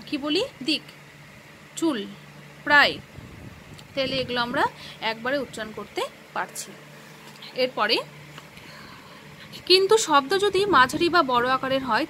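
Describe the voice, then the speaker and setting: Woman, teacher, high bright voice, syllable-by-syllable lesson, asks and answers herself. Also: a little hiss or hum, rough recording. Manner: breaks words into syllables, asks and answers her own questions. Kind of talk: classroom lesson explaining grammar.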